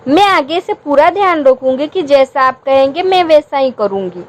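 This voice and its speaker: A woman's voice: sits high, animated, normal speed. Woman voicing a tender apologetic young wife. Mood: pleading. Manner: pleading, apologetic.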